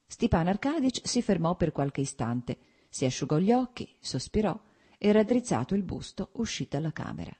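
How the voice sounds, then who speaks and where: Low husky woman narrating. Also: very animated, mellow. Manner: measured, literary. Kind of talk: scripted narration.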